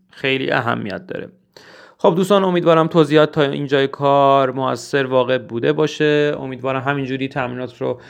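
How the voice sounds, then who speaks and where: A man teaching German in Persian who says German phrases slowly and then explains them. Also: mid-range voice, gravelly. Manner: earnest, urges memorizing phrases. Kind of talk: spoken language lesson.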